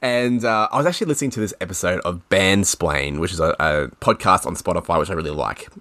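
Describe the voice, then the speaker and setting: A man's voice: deep voice, fast talker, pushed and bright. A man co-hosting a podcast, chatting casually and explaining at length, laughing often. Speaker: podcast co-host. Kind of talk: casual chat.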